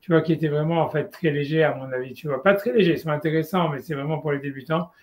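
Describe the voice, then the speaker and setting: Fast-talking middle-aged man, rambling. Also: a little high. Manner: rambling, many restarts and fillers. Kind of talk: casual chat.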